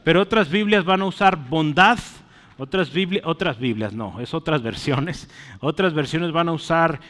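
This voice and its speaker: A man preaching a sermon, explaining words slowly as he writes them on a board and often checking in with his listeners. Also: a little high, a bit bright. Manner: asks "¿verdad?" and "¿sí?" often. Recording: long hall reverb.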